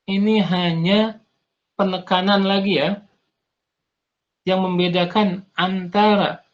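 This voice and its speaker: A man teaching an online Arabic class over a video call, patient and corrective, often pausing with "eh". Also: on the high side, gravelly, fairly bright tone. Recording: muffled video call audio.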